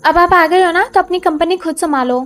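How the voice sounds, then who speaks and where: A woman's voice: extremely high pitch, fairly quick, fairly bright tone, faint music behind, pitched below the performer's own voice. A woman voicing an earnest, protective young man in a drama recap, speaking pleadingly.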